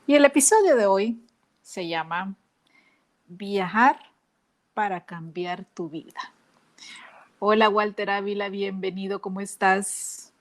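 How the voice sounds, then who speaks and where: A woman hosts a casual podcast conversation. She talks slowly and stretches out her words, chatty and enthusiastic as she introduces her guest. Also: mid-range voice. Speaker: podcast host.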